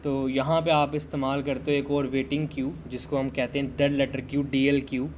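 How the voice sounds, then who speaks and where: Male tech instructor for a live lesson. Conversational and steady with little pitch movement. Keeps putting questions to the viewers. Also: moderate pace, slight background noise. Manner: conversational, quizzes viewers and waits for chat answers. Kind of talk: live-streamed system design lesson.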